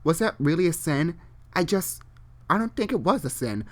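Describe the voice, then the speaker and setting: Very animated and moderately paced, a mid-pitched host performs a dramatic reading of a story, tripping over the words and repeatedly breaking off into frustrated rants laced with profanity.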